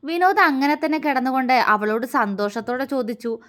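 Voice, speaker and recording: A woman storyteller reading a romantic story aloud in a calm, even way. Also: high-pitched, brisk. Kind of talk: scripted story narration.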